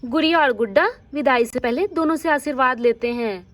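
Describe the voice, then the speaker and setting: Woman narrating a doll story, high pitched, simple plain telling. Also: brisk.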